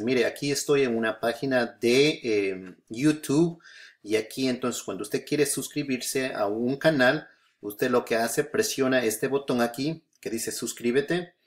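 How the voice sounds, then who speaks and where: A man hosting a software tutorial, patient and repetitive, filling pauses with "eh" and often checking "¿no es cierto?". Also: mid-range voice. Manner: patient, repeats steps, frequent filler "eh" and "¿no es cierto?". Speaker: photography tutorial host. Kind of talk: screen-recorded software tutorial.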